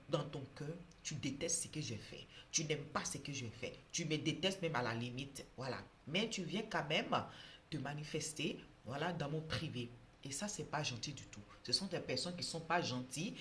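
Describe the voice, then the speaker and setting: Low-voiced woman preaching with halting emphasis. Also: a bit bright, slight background noise. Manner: hesitant, with many fillers and restarts, emphatic when reading verses. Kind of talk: informal sermon reading Bible verses.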